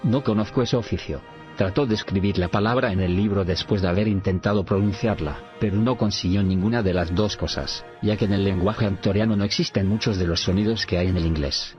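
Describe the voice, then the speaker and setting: A man reading an audiobook in measured narration, sometimes saying punctuation marks aloud. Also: deep voice. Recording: dull lo-fi recording, faint music.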